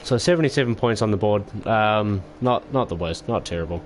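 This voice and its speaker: A low-voiced man winds down after a sim race, sounding tired and sore as he rambles through his result. He stumbles and restarts often, fillers everywhere, picking apart his own driving. A faint hiss of noise sits under the voice. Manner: rambling, self-critical, halting with many fillers. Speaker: sim racing streamer. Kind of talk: casual post-race wrap-up.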